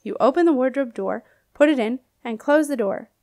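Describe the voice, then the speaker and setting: A woman's voice: high voice, animated, normal speed, darkish tone, voice pushed up. A woman voicing a cheerful ancient male ghost knight who guards a princess's door and tells silly jokes. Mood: joking. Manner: jovial, chuckling, jokey.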